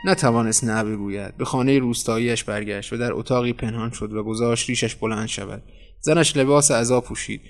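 Male storyteller, measured pace. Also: mid-range voice, fairly even intonation, gravelly, soft background music. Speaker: narrator. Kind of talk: scripted narration.

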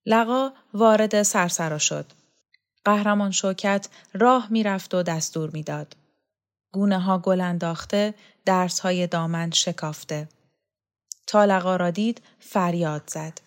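A woman reading a novel aloud as audiobook narrator, with measured, even delivery. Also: fairly low pitch. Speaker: audiobook reader. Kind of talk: scripted story narration.

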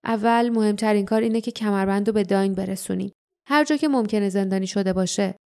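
Tough warrior man, as a woman reads him, firm steady leader, explaining plans, mellow voice, audiobook. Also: medium pitch, natural voice.

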